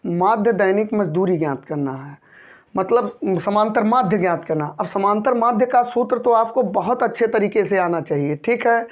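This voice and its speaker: Male maths teacher, patient, repeats himself, checks in often, dull lo-fi sound. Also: high-pitched. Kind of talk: maths lesson explaining a textbook problem. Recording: dull lo-fi recording.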